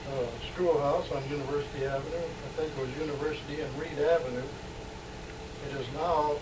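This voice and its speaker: An older American man in his late sixties reminisces in an interview, pausing often mid-phrase. He sits away from the microphone in a roomy home, captured on old worn tape with heavy noise. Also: on the high side, distant mic. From San Diego, California. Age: late 60s. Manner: halting, pauses mid-phrase. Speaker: oral history interviewee. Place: in a home, 1970s tape recording.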